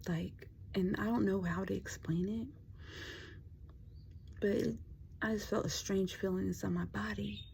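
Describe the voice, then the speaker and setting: Gravelly-voiced woman telling a spooky story. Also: medium pitch, steady tone, unhurried, pauses often, a little hiss or hum. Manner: chatty, drops to a hush for spooky parts. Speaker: paranormal storytelling host. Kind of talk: casual storytelling to camera. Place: her dark bedroom at night.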